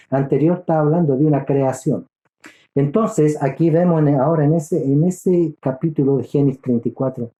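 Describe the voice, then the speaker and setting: A man teaches scripture with a very dark, mellow tone set a little higher than most men. His delivery is earnest and halting, restarting phrases and calling his listeners brother. The room around him is echoey. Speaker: Bible study teacher. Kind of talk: Bible study teaching.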